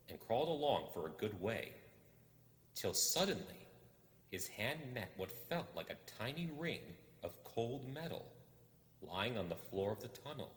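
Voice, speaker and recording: An audiobook reader with a deep voice gives expressive storybook narration, his intonation lively and swinging. He delivers the tale in a measured, dramatic way, with deliberate pauses between phrases, and the room sound carries a long reverberant tail.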